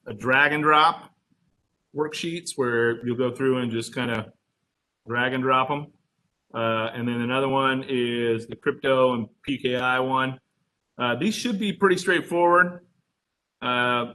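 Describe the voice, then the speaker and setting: A man's voice: mid-range voice, pushed and bright, rough recording. A man teaching an online class as instructor in a casual, conversational, explanatory way.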